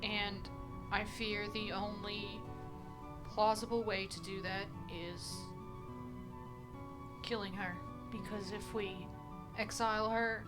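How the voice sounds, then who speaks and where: A woman's voice: medium pitch, flat delivery, slow pace, long pauses, over loud music. A woman playing a tabletop role-playing game, talking partly in character.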